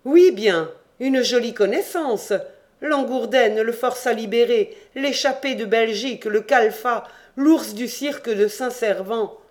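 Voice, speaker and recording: A man's voice: very high-pitched, voice pushed up. A man voicing a cocky young lad who mocks his friend, in an audiobook read-aloud. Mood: mocking. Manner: teasing and quick-witted.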